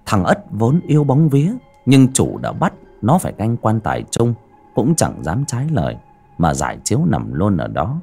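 A man narrating a scripted horror story with a dramatic, breathy delivery. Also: fairly low pitch, huge pitch swings, moderate pace, dark tone. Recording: faint background music.

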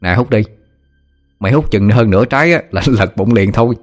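A man's voice: lowish voice, lively intonation, faint music behind. A man with a Southern Vietnamese accent voicing an older village boy who teases and shows off. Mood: teasing. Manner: teasing, brash, quick-talking. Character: older village boy, teasing, brash, showing off.

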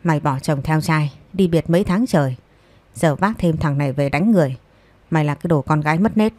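A woman voicing a shrill, abusive older mother-in-law who scolds loudly, in a storybook reading. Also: fairly quick, dry recording, natural voice. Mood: scolding.

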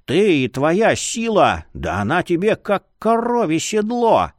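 A man's voice: high-pitched, big pitch swings, unhurried, no echo, studio quality, voice pushed up. A man putting on a hissing, scolding sorceress. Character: stern, hissing female sorceress mentor.

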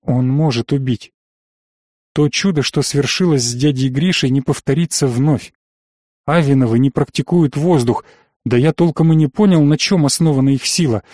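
A man narrating a first-person fantasy audiobook in a measured, tense storytelling manner. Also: mid-range voice, warm tone, dry recording, studio quality.

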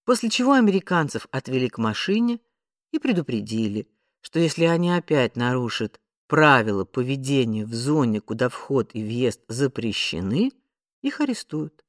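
Male audiobook narrator, expressive, lively pitch, dry close mic. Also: normal speed, dry recording. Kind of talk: scripted narration.

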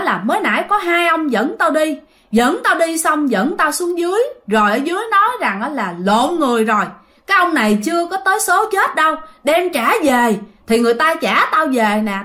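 A woman's voice: very high voice, animated, fairly quick, pitched above the performer's own voice, full character voice. Woman playing a scolding old man risen from death. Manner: scolding, shouting at his children. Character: cranky bedridden old man back from death.

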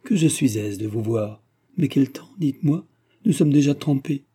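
A man's voice: mid-range voice, animated, moderate pace, dark tone, slightly rough, pitched above the performer's own voice. A man voicing a voluble, gushing Parisian lady cousin in a storybook reading. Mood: effusive. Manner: voluble, exclaiming.

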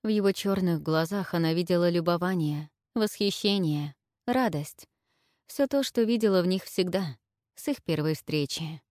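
A woman reading a historical novel aloud as the narrator, in measured, even storytelling. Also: fairly low pitch, no room sound, clean studio sound. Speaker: audiobook narrator. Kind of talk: scripted narration.

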